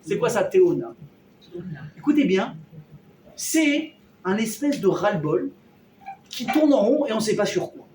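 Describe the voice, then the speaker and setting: A man teaching a lively Torah class to a live audience, acting out everyday dialogues and firing questions at his listeners. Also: sits high, unhurried, long pauses. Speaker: rabbi teaching a weekly class. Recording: roomy hall, mic at a distance, faint noise.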